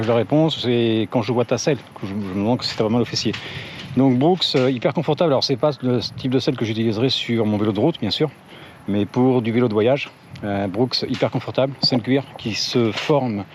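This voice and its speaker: A cycling vlogger walks through his bike gear for his channel in a casual, hesitant way, full of fillers and self-corrections. His mid-range voice is a little mellow, and the lo-fi audio sounds dull with faint ambient noise.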